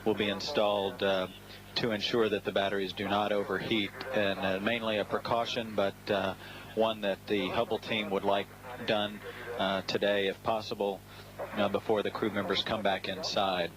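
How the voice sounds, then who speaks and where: A man giving hesitant, measured explanatory commentary on a spaceflight from mission control over a noisy feed. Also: fairly low pitch, level tone, crowd noise. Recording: noisy radio broadcast feed.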